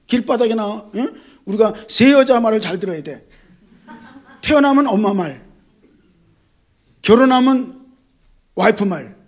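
Husky, lively man preaching. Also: very high-pitched. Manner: animated preaching that repeats key words and mixes in jokes; addresses the congregation directly. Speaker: pastor. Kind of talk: sermon.

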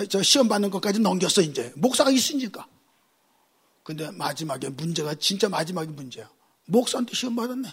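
A male pastor delivers a sermon with humorous stories. His voice sits fairly high and carries a husky edge. He hammers his points home by repeating key phrases. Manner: humorous storytelling preacher, emphatic repetition.

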